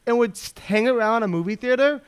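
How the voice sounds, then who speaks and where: High-voiced, giggly man on a podcast. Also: brisk, clear, resonant tone. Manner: jokey, laughs often, stammers and repeats himself. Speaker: podcast co-host. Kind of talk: casual chat.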